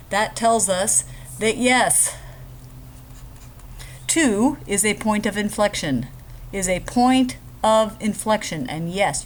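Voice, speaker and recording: A woman's voice: medium pitch, a little hiss or hum. A woman math instructor giving a casual, chatty screen-recorded lecture, explaining step by step with joking asides.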